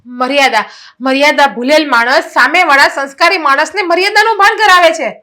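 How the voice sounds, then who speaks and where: A woman's voice: sits high, fairly quick, bright, forceful tone. An actress playing an indignant elder daughter-in-law who scolds her lazy sister-in-law and complains to her mother-in-law. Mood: scolding. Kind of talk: Gujarati family stage drama.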